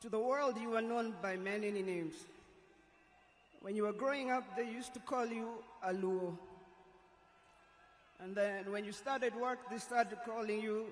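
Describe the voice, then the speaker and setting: A woman with a Kenyan accent delivering a solemn, emotional eulogy as a tearful goodbye, measured and deliberate with long pauses. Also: medium pitch. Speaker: eulogist, daughter of the deceased. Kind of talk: solemn funeral eulogy speech. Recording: echoey public address, faint noise.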